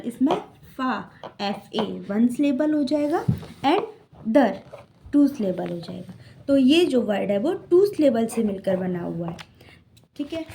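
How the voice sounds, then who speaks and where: A woman teaches a basic lesson in a high, warm voice. She explains step by step and spells words out for listeners to repeat. The room around her is echoey. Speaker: English teacher. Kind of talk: classroom lesson in Hindi and English.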